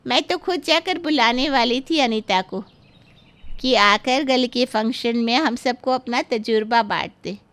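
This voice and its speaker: A fretful middle-aged mother, quick to scold and complain, voiced by a woman. Her voice sits high and clear above the others in this cartoon story. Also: a bit bright. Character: worried, sharp-tongued middle-aged mother.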